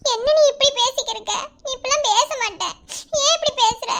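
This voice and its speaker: A woman voicing shrill village wife Meenakshi. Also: moderate pace, a bit bright. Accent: Madurai Tamil. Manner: emotional, heartfelt. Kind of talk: cartoon voice acting.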